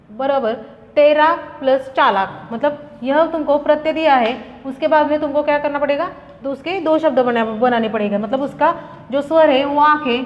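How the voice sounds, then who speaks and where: In a grammar lesson for a class, a woman with a high voice moves through the material at a slow pace, saying each example word again as she explains it. Her speech sounds muffled and dull, and a long reverb lingers after it.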